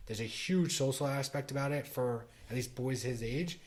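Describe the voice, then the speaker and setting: A man's voice: mid-range voice, normal speed. A middle-aged man co-hosting a podcast, talking in a loose, rambling way with lots of restarts and fillers. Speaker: podcast co-host. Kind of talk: casual chat.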